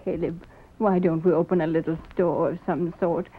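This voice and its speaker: An actress playing a patient, firm frontier wife with plain frontier speech, in 1930s radio acting on a tinny old recording. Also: female voice, on the low side, steady tone, normal speed, husky.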